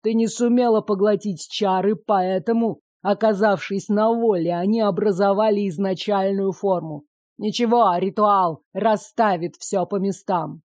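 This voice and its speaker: Mocking in mood, a power-hungry, cruel sorcerer sneers through a slow, gloating drawl as a woman narrator performs him in her natural voice, pitched lower than her own and mellow. The intonation is fairly even, and the audiobook recording is dry and close, with no room sound.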